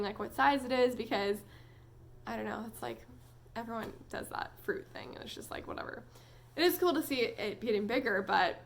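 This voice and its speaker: A woman's voice: fairly high pitch, fairly bright tone. A young woman vlogging casually to camera at home, chatty and giggly, full of "like" and "um".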